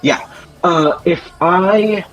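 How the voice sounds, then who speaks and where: A man playing a tabletop game online, asking rules questions in a halting, insistent way, his voice coming through with a clangy robotic distortion from a faulty mic. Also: high voice, music in the background. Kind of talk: casual online roleplay chat.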